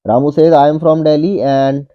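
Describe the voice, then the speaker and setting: A man's voice: a little high, fairly even intonation, moderate pace. A man in his thirties, an online tutor, working through a logic puzzle step by step, repeating each point and saying "okay" often. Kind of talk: whiteboard puzzle walkthrough. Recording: dull lo-fi audio.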